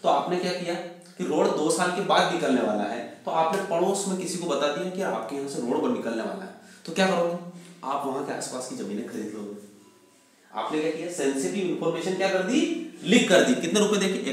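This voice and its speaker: A man teaching a vocabulary lesson. He tells stories, asks questions and answers them himself, and says definitions slowly. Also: a little high. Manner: mixes Hindi with slowly spoken English definitions. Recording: very echoey room, voice from far off.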